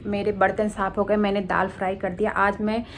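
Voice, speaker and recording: A woman's voice: medium pitch, flat delivery, fairly quick, a little hiss or hum. Chatty woman vlogging her morning chores. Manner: chatty, walks viewers through chores; speaks softly at times so neighbours are not disturbed. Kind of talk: casual home vlog. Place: home and kitchen, partly outdoors.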